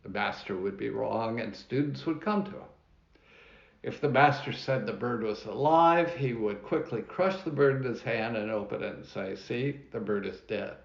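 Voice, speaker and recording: A man who is a minister, preaching a sermon in a church, telling a story in a measured way with dramatic pauses, with a New Zealand accent. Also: medium pitch, creaky. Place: church hall. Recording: roomy, dull church recording.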